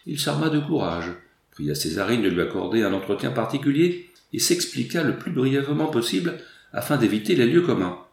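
A man narrating a classic novel as an audiobook, in a measured, expressive reading. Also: medium pitch, gravelly, echoey room. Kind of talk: scripted literary narration.

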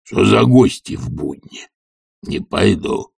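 Man reading as a stubborn old servant in an audiobook, slow, low, mumbling, gravelly and husky. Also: no echo, clean studio sound, far from the mic, heavily acted. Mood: grumbling. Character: lazy stubborn old male servant, grumbling.

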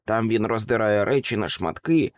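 A man narrating a children's fantasy novel in an expressive, dramatic storytelling manner. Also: lowish voice, normal speed, dry recording. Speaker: audiobook narrator. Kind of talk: scripted narration.

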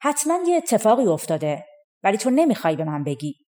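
A woman's voice: medium pitch, big pitch swings, warm tone, lightly acted. A woman voicing a fussy, stingy farm steward in a folk tale.

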